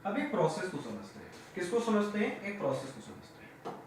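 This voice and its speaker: A man's voice: sits high, wildly swooping pitch, a little fast, slight background noise. A male audit teacher lecturing, asking questions and answering them himself, repeating key terms. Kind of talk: classroom lecture. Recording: very echoey room, mic at a distance.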